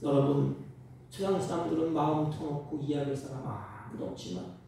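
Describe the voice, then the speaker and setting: Korean pastor guy preaching, high lively voice, super echoey far-off church sound. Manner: emphatic preaching, swinging from loud exclamations to soft intimate asides. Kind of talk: sermon. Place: church sanctuary. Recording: echoey church sound from a distance with faint noise.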